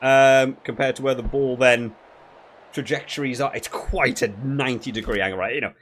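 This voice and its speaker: In a mid-range, somewhat bright voice with fairly even intonation, a man talks at a normal speed through a rugby game he's reviewing. He's a gaming video creator, and his commentary is casual, rambling, and thought out aloud.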